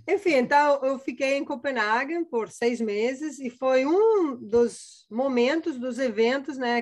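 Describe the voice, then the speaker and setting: With a fairly high pitch, this Italian-accented woman in her forties, originally from Italy, gives casual interview answers as a guest scientist. Her speech is loose, with many fillers and restarts.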